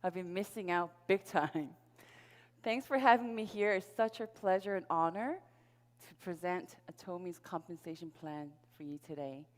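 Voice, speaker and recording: On a large event-hall stage in Seoul, a middle-aged South Korean woman, a native Korean speaker, gives an upbeat motivational talk at a network marketing event, sharing her personal story as a sales presenter. Her voice is on the low side, her pace moderate, and the PA sound reverberates through the hall.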